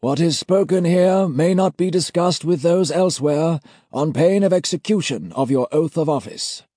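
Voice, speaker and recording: A man voicing a kindly-looking older male senior auditor who is formal, courteous and quietly menacing. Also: a little high, moderate pace, no room sound, clean studio sound, voice pushed up, close to an everyday voice. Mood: politely menacing.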